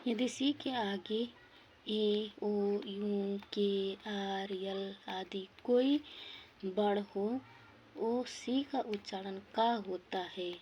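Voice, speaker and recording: A woman with a mid-range voice gives a spoken pronunciation lesson, drilling English words one at a time, repeating each and explaining its meaning. She talks very slowly in a slightly mellow tone, with a faint hiss or hum in the background.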